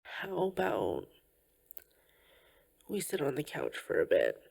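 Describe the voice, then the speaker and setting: A woman performs soft-spoken ASMR comfort roleplay as a tender, caring girlfriend soothing her tired partner. Her low voice is breathy and exaggerated, its pitch swooping wildly as it often slips into whispers. She's soft and affectionate, slow, gentle and reassuring, with soft pauses.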